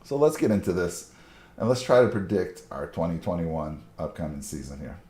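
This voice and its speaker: A middle-aged man from Buffalo, New York talks casually to his channel's viewers, rambling and filling pauses with "uh" and "um". His voice sits very low and sounds mellow. The room around him is echoey. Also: big pitch swings. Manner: chatty, rambling storyteller with frequent fillers. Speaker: channel host. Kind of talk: casual chat to camera. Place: Southern California.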